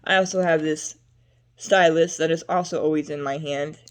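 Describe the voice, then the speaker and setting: Talking casually to camera, this young woman has a low voice with fairly even intonation and a normal pace. Her vlog rambles between subjects, full of filler words.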